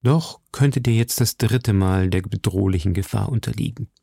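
A refined musketeer, voiced by a male narrator weighs each word softly and precisely. The voice is mellow and gravelly, recorded close and dry. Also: medium pitch, lively intonation, no echo, heavily acted. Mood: measured. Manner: soft, measured.

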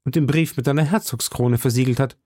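A man reading an audiobook, voicing a lively, playful young swordsman in a slightly raised voice. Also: mid-range voice, fast, no room sound, pitched above the performer's own voice, close to an everyday voice. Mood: teasing. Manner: playful, mock-serious. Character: lively young male swordsman, teasing and warm.

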